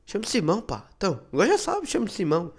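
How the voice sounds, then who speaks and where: A man with a European Portuguese accent voicing a pushy, eager young man who talks high and insistent. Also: wildly swooping pitch, fast, husky, heavily acted. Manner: insistent, raised voice.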